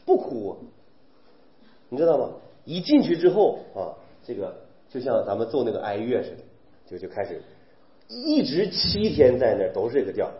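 A man's voice: mid-range voice, big pitch swings, moderate pace. A man preaching a sermon, firing rhetorical questions and acting out weeping believers. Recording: roomy, dull recording.

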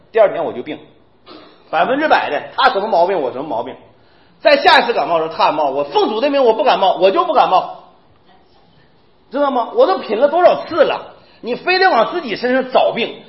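A man pastor preaching a lively sermon, often asking his listeners whether they understand. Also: high-pitched, fast. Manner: animated, keeps asking listeners "you know?". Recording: echoey, dull lo-fi room recording.

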